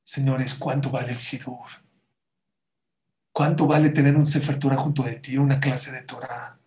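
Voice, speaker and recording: A man's voice: mid-range voice, fairly even intonation, moderate pace, darkish tone, roomy sound. A man giving an emotional religious talk, telling stories and urging his listeners to listen. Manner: fervent, pleading with listeners, acts out quoted voices. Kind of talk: emotional religious storytelling sermon.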